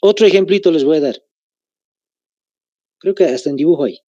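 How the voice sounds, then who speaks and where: A man with a Bolivian Spanish accent teaching a grammar lesson, slowly repeating phrases so students can take notes. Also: fairly high pitch, warm tone, no room sound, lo-fi sound.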